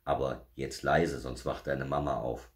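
A jolly, kindly old Father Christmas from a children's story, speaking softly and warmly, as a man puts him on. The voice is extremely deep and gentle. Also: fairly even intonation, measured pace. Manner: warm, hushed and friendly.

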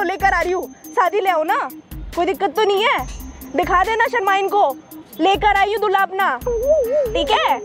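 A young woman hosting a prank video, gushing and teasing as she talks to her mother on the phone. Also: extremely high pitch. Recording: background music under the voice.

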